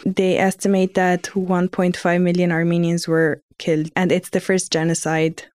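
A woman's voice: fairly low pitch, little pitch movement, moderate pace, darkish tone, no room sound. A young woman, earnestly telling her own story on a podcast, often restarting her phrases. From Lebanon. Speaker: student guest. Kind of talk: reflective personal podcast storytelling.

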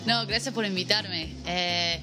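A woman's voice: medium pitch, measured pace, over music. A woman in her twenties from the United States, speaking Spanish with a Buenos Aires accent, easygoing and full of "eh" fillers in an interview. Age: 20s. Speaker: guest, music manager. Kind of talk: casual interview. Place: vegan café.

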